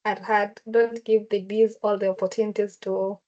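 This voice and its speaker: A woman's voice: mid-range voice, level tone, moderate pace, dark tone, dull audio. A woman explaining a case study to classmates in a casual group discussion, with fillers and restarts. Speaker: student sharing a case study.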